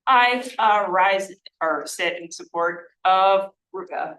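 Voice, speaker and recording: A woman's voice: medium pitch, takes it slowly, a bit bright, slight background noise, rough recording. A woman from a local sanitary authority board speaking hesitantly in support at a township board meeting. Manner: hesitant, with many fillers. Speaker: sanitary authority board member at public comment.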